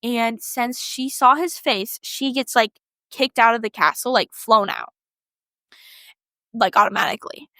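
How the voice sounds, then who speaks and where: A woman's voice: a little high, measured pace, sharp tone, no room sound. A young woman co-hosting a podcast, retelling a myth in a chatty, slangy way with lots of "like". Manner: slangy, chatty, heavy use of "like". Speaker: podcast co-host. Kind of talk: casual storytelling.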